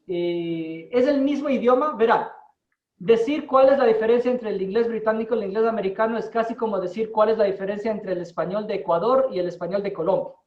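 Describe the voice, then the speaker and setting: A man teaching an English class in Spanish, explaining slowly and deliberately and checking in with his students. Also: high voice. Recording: distant, roomy, dull-sounding.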